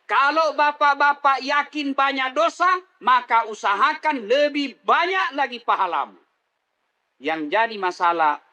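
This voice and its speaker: A man's voice: sits high, pushed and bright. A middle-aged man preaching a comedic sermon, teasing the crowd and leading call-and-response. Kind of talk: comedic sermon to a live audience.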